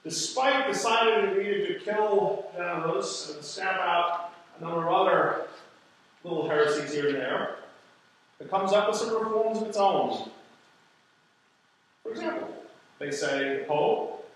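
A man's voice: high voice, measured pace, long pauses, fairly bright tone. A man, a pastor, teaching a church history class in a church, lecturing in a conversational way with wry asides and rhetorical questions. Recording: very echoey room, voice far from the mic.

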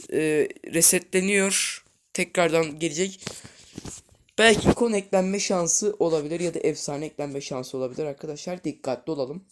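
Man, gaming host, live gameplay commentary, excitable, loud outbursts then low mutters, chatty with viewers. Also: a little hiss or hum. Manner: talks straight to viewers as friends.

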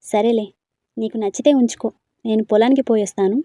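A woman reading a storybook, voicing a gentle, easygoing young man. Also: on the high side, steady tone, fairly quick, dry recording, studio quality, lightly acted.

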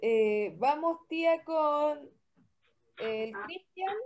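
Slow, high-voiced woman coaching a child. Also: expressive, a little mellow, a little hiss or hum. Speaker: adult helping a child at home.

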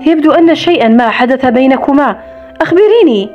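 Lady reading a blunt protective guy in a storybook, high voice, kinda muffled, soft music. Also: expressive, fast. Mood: concerned. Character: grown man, blunt and protective. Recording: slightly dull recording with soft music.

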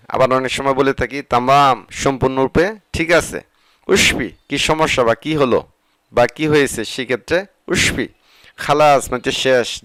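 A man's voice: medium pitch, fairly bright tone, dry recording, low-quality recording. Bangladeshi bengali-accented guy teaching arabic words one by one, repeats stuff, dry close mic. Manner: slow repetitive word-by-word explanation. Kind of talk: vocabulary lesson.

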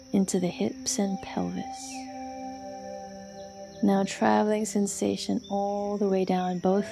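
Short, soothing phrases and long pauses mark this woman's yoga nidra meditation as she instructs softly. Her voice is mid-range and creaky.

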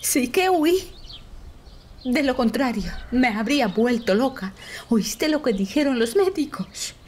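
An actress voicing an estranged young wife in a dubbed film drama, emotional and resentful. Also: female voice, on the high side, lively intonation, a little slow, darkish tone, slight background noise. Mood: defensive, bitter. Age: young adult.

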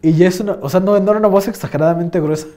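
A man's voice: sits high, very fast, warm tone. A young man with a Mexican accent telling a rambling, slang-filled story in casual chat, full of fillers. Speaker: podcast host.

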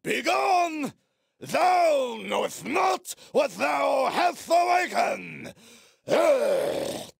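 A man voicing a pompous, hostile bandit boss in a video game, declaiming in mock-archaic style with a gravelly voice. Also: high-pitched, no room sound, clean studio sound, exaggerated voice. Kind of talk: video game villain lines.

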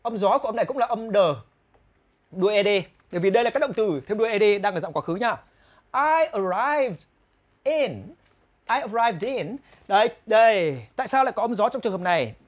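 A man with a Vietnamese accent teaching English pronunciation, repeating English phrases slowly between explanations. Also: sits high, animated. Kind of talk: pronunciation lesson.

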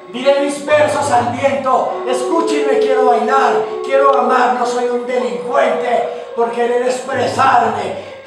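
A Colombian man plays a tormented man raging at his mask, declaiming in slow, drawn-out phrases on a live theater stage. His voice sits very high for a man. The sound comes from far off, very echoey, with loud music underneath. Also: full character voice. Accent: Colombian Spanish. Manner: declamatory, with stretched pauses. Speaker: stage actor. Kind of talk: theatrical monologue.

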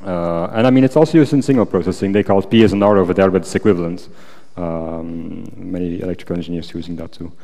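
A man's voice: deep voice, fast talker, mellow. A man answering academic questions at a thesis defense, hesitant and hedging with many qualifications. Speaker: PhD candidate answering examiner questions. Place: large wooden lecture auditorium. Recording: echoey lecture hall, long reverb.

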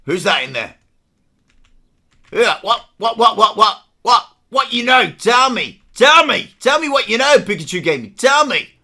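A live game streamer with a bright, sharp voice talks through play a little slowly, pitch leaping all over as they shout and repeat themselves. They keep up excitable running commentary and read chat aloud.

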